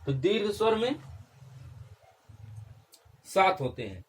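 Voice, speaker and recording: A man's voice: high-pitched, big pitch swings, takes it slowly. A young man teaching a Hindi grammar lesson, repeating key terms and checking in with his class.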